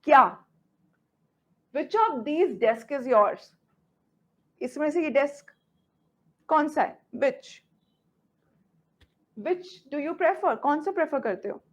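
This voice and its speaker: A woman's voice: high-pitched, animated, very slow, long pauses. A woman with an Indian English accent teaching a grammar lesson, often stopping to check that students follow. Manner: switches between Hindi and English, checks understanding often.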